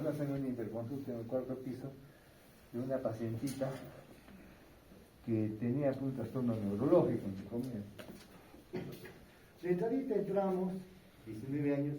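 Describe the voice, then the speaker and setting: A man's voice: medium pitch, warm tone, recorded from a distance, a little hiss or hum. Man lecturing in an echoey room. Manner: conversational, frequent tag questions. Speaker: neurology lecturer. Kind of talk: medical lecture. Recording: echoey room, speaker away from mic, faint ambience.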